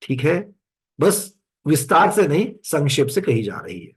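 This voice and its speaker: Man, scripture teacher, slightly high voice, slow chanted verses, questions to the class. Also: sing-song, husky. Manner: slow drawn-out verse recitation, then explaining with questions to the class. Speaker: religious teacher. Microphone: screen-sharing online class.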